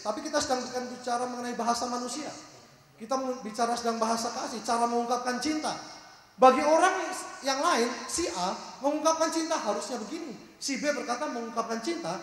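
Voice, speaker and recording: A man's voice: extremely high pitch, brisk, fairly bright tone. A man preaching a sermon, telling a story and acting out its characters, then asking his audience questions. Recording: echoey hall.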